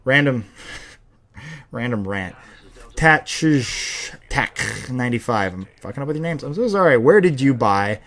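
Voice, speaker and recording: A man's voice: mid-range voice, animated, a little slow, a bit bright. A young man in his twenties hosting a casual Q&A, rambling and swearing freely as he answers viewer questions. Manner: rambling, profane, self-deprecating ranting. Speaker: host of a viewer Q&A show.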